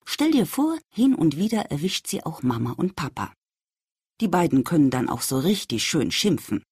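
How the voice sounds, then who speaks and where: A woman reading a children's story aloud, speaking gently and addressing the young listener directly. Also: low-pitched, sing-song, normal speed, breathy edge, no echo, studio quality.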